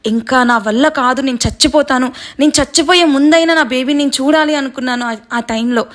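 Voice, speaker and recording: A woman's voice: high-pitched, fairly quick, a bit bright. A woman narrating an emotional story and then recounting her own experience in a heartfelt, earnest way.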